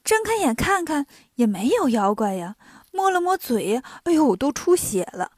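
A woman narrating a children's story in a lively, clear and expressive way. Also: high voice, normal speed, no echo.

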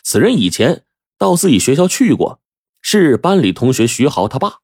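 A man narrating a story in a lively, animated way. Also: mid-range voice, moderate pace, breathy edge, no echo, clean studio sound.

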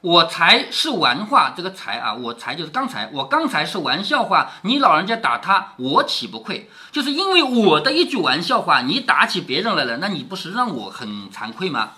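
A man's voice: fairly high pitch, wildly swooping pitch, fairly quick, few pauses, bright, forceful tone. A man reading a classic novel aloud and explaining it, often asking "isn't it?" as he goes. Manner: explanatory, asking listeners rhetorical questions. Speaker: storyteller and commentator.

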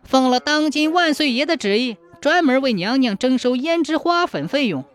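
A woman doing thuggish male guards, bullying, barking, raised and fast. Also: sits high, animated, pitched above the performer's own voice. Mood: menacing. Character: swaggering male soldiers at a toll gate.

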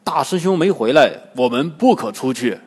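A man voicing a blunt, wary monk disciple in a storybook tale, low, firm and gruff. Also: lively intonation, normal speed, darkish tone, in a large hall. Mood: stern.

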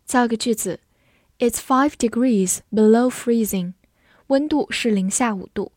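A woman's voice: on the high side, a little mellow, dry recording, studio quality. Patient woman teaching English words. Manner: clear, patient, spells words letter by letter and reads slowly. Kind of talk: vocabulary lesson.

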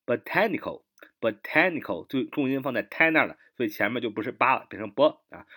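A man teaching English vocabulary in a patient, repetitive way, spelling words out letter by letter with many drawn-out fillers. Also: mid-range voice, fairly bright tone. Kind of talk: mnemonic vocabulary lesson.

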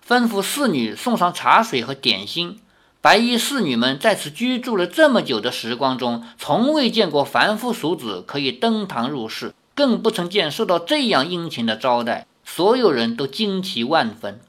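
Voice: medium pitch, sing-song, moderate pace, fairly bright tone. A narrator reading a martial-arts novel aloud, sometimes adding casual comments of their own.

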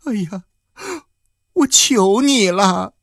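A man's voice: fairly high pitch, sing-song, measured pace, dry recording, clean studio sound, voice pushed up. A man voicing a desperate village woman who pleads tearfully and insistently, in an audiobook. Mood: pleading. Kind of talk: audiobook character voice.

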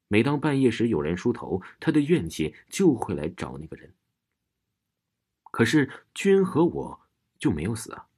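Man reading a smart college girl explaining stuff, low husky voice. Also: a little mellow, heavily acted. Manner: explaining plainly. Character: calm, clever young female student roommate.

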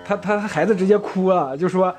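A man's voice: high voice, a little fast, darkish tone, faint music behind. A man co-hosting a casual podcast discussion, talking in a chatty way with laughs and hesitant restarts. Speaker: podcast co-host.

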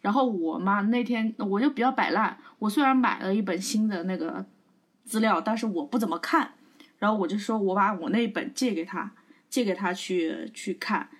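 Young woman, podcast co-host, casual rambling storytelling, mid-pitched voice. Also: moderate pace. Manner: chatty, rambling anecdote-telling.

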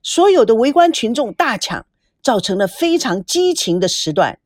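A woman reads a story aloud in a bright, fairly high voice. Her pitch swoops widely and expressively. The sound is dry and close. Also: big pitch swings, moderate pace, no room sound. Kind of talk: scripted narration.

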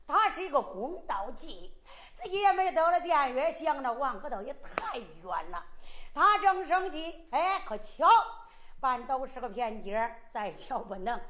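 High, swooping Henan storyteller woman. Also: sing-song, measured pace, a bit bright. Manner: dramatic, exclamatory. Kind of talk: sung-spoken Henan ballad storytelling.

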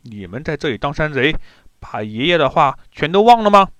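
A bold, high-voiced boy warrior who speaks with calm confidence and orders men about, as a man puts him on. The voice is lifted well above the storyteller's own and stays lively. It belongs to a storybook tale read aloud. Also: a little fast, no room sound. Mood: bold, confident. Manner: confident, commanding.

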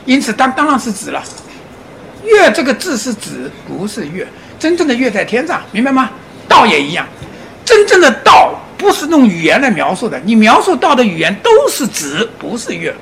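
A man giving a public lecture, animated, often asking his audience rhetorical questions and chuckling as he explains. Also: very high-pitched, moderate pace, vocal fry, slight background noise. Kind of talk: public lecture on Chinese classics and Zen.

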